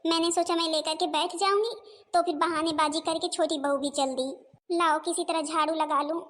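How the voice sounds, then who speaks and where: Bossy older mother-in-law, voiced by a woman, high-pitched, scolds and complains. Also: steady tone, normal speed, a bit bright. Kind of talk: cartoon voice acting.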